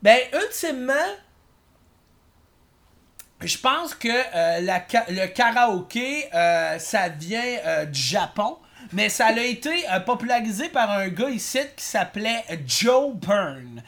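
A guest with a Québécois accent, talking in comedic interview banter with a rambling, hesitant delivery full of fillers and a deadpan, mock-serious way of boasting. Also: mid-range voice, takes it slowly. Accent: Québécois French.

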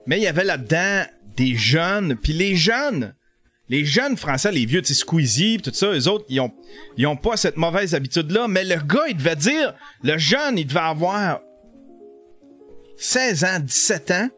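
Faint music runs behind a middle-aged streamer from Quebec whose fairly high voice moves at a moderate clip. He reacts live to a video in a casual, joking, animated way, often stumbling as he talks.

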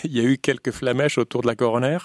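A man with a Québécois French accent hosts a radio talk show in a measured, halting way, restarting his sentences. His voice sits at an ordinary pitch. The studio sound is dry and close. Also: fairly even intonation, no echo.

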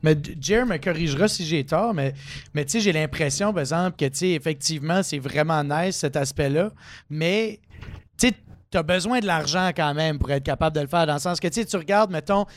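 Québécois man, high-pitched, slangy, joking podcast banter, dry mic. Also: a little fast, dry recording. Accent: Québécois French. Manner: joking, slangy, stumbling repeats. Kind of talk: casual podcast chat.

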